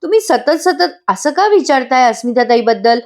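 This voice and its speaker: A woman voicing a calm young wife from a TV serial, speaking in a soothing, practical way. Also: high voice, normal speed, pitched above the performer's own voice. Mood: reassuring.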